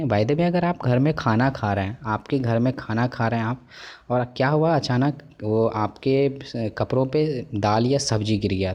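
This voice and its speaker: A man's voice: mid-range voice, darkish tone. Man teaching with memory tricks. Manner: repetitive, coaxing, asks and answers own questions. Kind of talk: explaining memory tricks to students.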